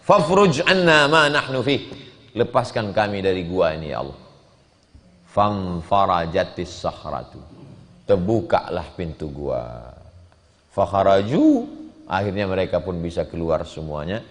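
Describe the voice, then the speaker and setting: A man teaching a religious study class, telling a story with lively pitch swings, quoting Arabic lines and translating them. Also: unhurried. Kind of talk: sermon. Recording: long hall reverb.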